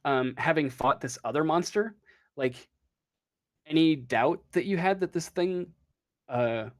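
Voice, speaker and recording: A man acting as game master improvises a tabletop role-playing story. His voice sits on the high side, and he speaks haltingly, drawing out his words.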